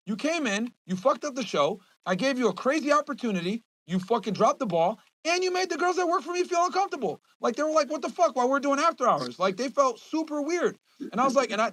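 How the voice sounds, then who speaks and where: A man's voice: very high-pitched, a bit bright, dry recording, poor audio. A young man hosting a podcast, speaking to his viewers in a heated, profane rant that keeps circling back on itself. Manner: heated, profane, repeats himself. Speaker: podcast host.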